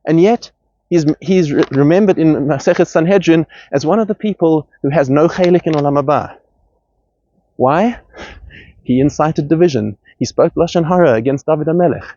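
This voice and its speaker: Here a man's slightly high, dark voice moves at a normal pace on a dry, dull, lo-fi recording. He's a podcast host in the middle of a heated, earnest monologue, full of passion. Worked up, he frequently restarts and repeats words.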